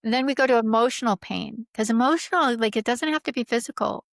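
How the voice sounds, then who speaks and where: Speaking quickly in a slightly high, gravelly voice, a healer guests on a podcast, earnestly sharing stories and reading testimonials in a casual, conversational way. She leans on "like" and "right?" a lot, and the recording is dry with clean studio sound.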